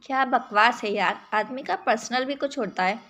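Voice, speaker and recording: A woman's voice: on the high side, moderate pace, sharp tone. A woman reading the lines of a laid-back, carefree young man in a spoken story, in her own voice.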